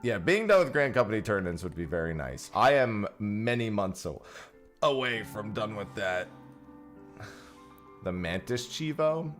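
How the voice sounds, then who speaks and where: Over a headset mic, a livestreamer chats casually as he games and thanks his viewers. His lowish voice has a sing-song, fairly bright quality and a measured pace, set against soft background music.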